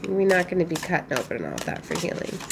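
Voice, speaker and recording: A woman's voice: lowish voice, sing-song, quick pace. Musing woman reading tarot, faint background noise. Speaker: tarot reader. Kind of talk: casual spiritual tarot reading, chatty.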